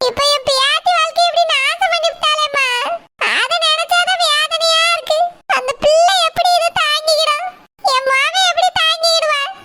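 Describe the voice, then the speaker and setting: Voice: very high-pitched, pushed and bright. A performer voicing an old cartoon grandmother, lamenting over and over with tearful worry. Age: older. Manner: lamenting, repetitive, pleading. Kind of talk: cartoon voice acting.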